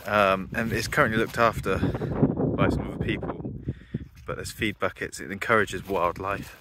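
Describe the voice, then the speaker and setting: Walking by a ditch and fields on his farm, a man keeps up relaxed vlog narration, chatting and thinking aloud. He speaks at a normal pace in a low, steady voice over background noise.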